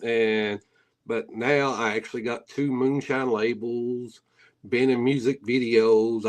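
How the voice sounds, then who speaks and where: A middle-aged man with an Appalachian hillbilly accent telling stories casually in an interview, folksy and rambling with rural grammar. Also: mid-range voice. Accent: Appalachian, hillbilly drawl. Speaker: guest, paranormal investigator.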